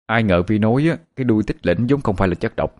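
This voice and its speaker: A man voicing a steady older male leader, talking in a gruff, matter-of-fact way. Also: lowish voice, fast, natural voice. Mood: earnest. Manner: gruff, matter-of-fact big-brother talk.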